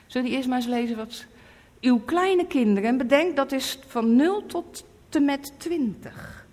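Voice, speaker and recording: A woman's voice: fairly high pitch, a little mellow. A woman preaching a sermon, emphatic and repeating her warnings. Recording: echoey hall.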